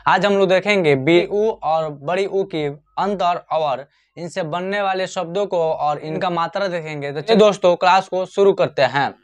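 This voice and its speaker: A man's voice: sits high, normal speed. A man teaching an online Hindi lesson, often asking a question and answering it himself and repeating key points. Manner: repetitive, asks and answers his own questions.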